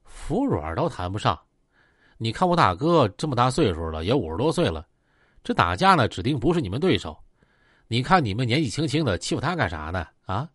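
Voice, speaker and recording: A man voicing a calm, persuasive young gang leader. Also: medium pitch, brisk, dry recording, clean studio sound. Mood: placating. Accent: Northeastern Mandarin. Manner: soothing, persuasive.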